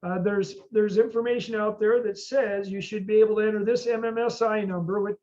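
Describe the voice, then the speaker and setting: High-pitched American man teaching, dull lo-fi sound. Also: steady tone, fairly quick, dark tone. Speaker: boating class instructor. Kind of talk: informal classroom lecture.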